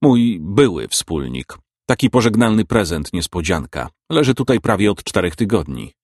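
A tired, sardonic private eye, as a male narrator plays him, in a low voice that still moves a good deal. He delivers every line flat and deadpan, gloomy and dry-witted. The sound is close, with no room around it. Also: normal speed, no echo. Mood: glum. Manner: dry, world-weary, deadpan.

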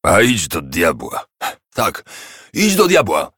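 A man's voice: low voice, animated, moderate pace, fairly bright tone, no echo, clean studio sound. A man voicing a miserly, grumpy old man who scolds and mocks in a harsh, scornful way. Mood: angry.

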